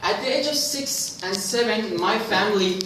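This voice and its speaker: In a very echoey club meeting room, a young Pakistani man in his 20s, a club speaker, gives a prepared personal speech. His voice sits high with a sharp tone at normal speed, and he questions the audience while restarting phrases as he goes. The distant mic also catches slight background noise.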